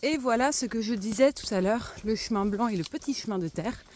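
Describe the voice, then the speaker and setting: Out on a country trail, a hiker with a slightly lisping, somewhat mellow, higher-pitched voice talks a little fast in her casual walking vlog. She thinks out loud to herself and her audience, with clear outdoor background noise in the recording.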